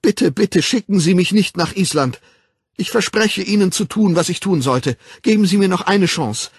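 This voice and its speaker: A man's voice: high voice, normal speed, breathy edge, no room sound, studio quality, pitched above the performer's own voice. A sobbing, begging man facing exile, as a man puts him on. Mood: desperate pleading. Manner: pleading, sobbing, near-shouting. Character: panicked male official begging not to be exiled.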